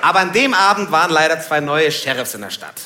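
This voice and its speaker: A man doing stand-up, telling a story in a lively, self-mocking way and laughing at his own jokes on a live stage. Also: fairly high pitch, fast talker. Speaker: stand-up comedian. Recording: echoey live venue, background noise.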